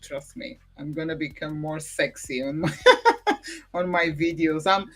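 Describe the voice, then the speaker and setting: A woman's voice: low voice, steady tone, soft background music. Giggly woman hosting a podcast. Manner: giggly, friendly, halting phrasing. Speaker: podcast host. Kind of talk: casual interview chat.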